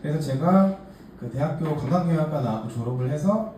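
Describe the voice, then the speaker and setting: A man's voice: a little high, animated, fast talker, dark tone. A man in his forties from Gangneung, telling his own life story to a group in a chatty, self-mocking way with many fillers. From Gangneung, Gangwon Province, South Korea. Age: 40s. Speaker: case presenter at a workshop. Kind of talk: personal story talk to a group. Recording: echoey room, distant mic, faint hiss.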